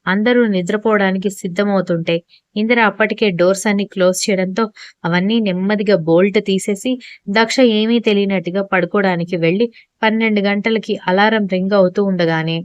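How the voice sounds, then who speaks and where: A woman storyteller giving smooth, even scripted narration of a romance audiobook. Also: medium pitch, brisk, no room sound, muffled recording.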